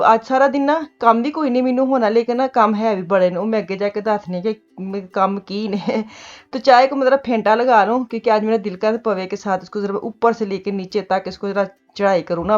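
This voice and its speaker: A chatty middle-aged woman with a Punjabi accent talks through her morning at home. Her voice sits in a middle register and comes through a slightly dull, muffled recording. She rambles warmly between topics and slips Punjabi words into her talk. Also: medium pitch. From Pakistan. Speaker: vlogger. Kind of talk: casual chat. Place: home kitchen.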